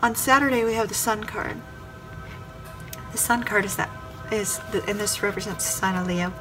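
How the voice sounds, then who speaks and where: With clear music running under her voice, a tarot reader speaks at normal speed in a medium pitch, and the recording quality is low. She gives a weekly reading, addressing viewers by star sign and repeating her phrases.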